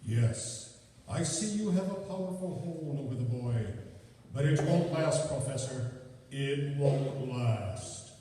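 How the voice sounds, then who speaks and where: A man playing a calm, eerie, mysterious avenger in a radio drama, with a deliberate theatrical delivery. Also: medium pitch. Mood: eerie, knowing. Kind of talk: old-time radio drama stage acting. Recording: distant, echoey hall, hissy live recording.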